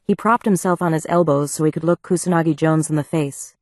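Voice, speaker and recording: Woman audiobook narrator, lowish voice, measured even read, close mic, dry sound. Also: no room sound. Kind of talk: scripted narration.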